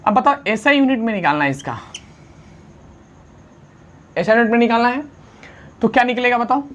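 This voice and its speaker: A man teaching a science lesson, constantly asking the class questions and answering them himself, urging students to write fast and mixing English unit names into his talk. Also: extremely high pitch, sing-song, a bit bright, dull audio. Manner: urges students to write quickly, calls them friend.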